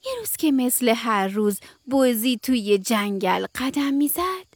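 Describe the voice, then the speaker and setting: A woman storyteller narrating a children's bedtime story on radio, gentle and expressive. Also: fairly high pitch, no echo, soft background music.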